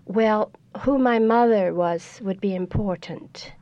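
An older woman with a Scottish accent, a guest on a radio interview, explaining things in a measured, storytelling way. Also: medium pitch, warm tone. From Scotland. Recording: dull lo-fi radio recording.

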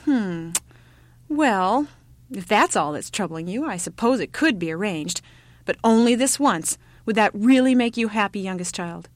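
Storybook star mother, played by a female narrator, gentle and musing, medium pitch, dry close sound. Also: animated, measured pace, no echo, lightly acted. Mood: musing, indulgent. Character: indulgent, thoughtful celestial Star Mother.

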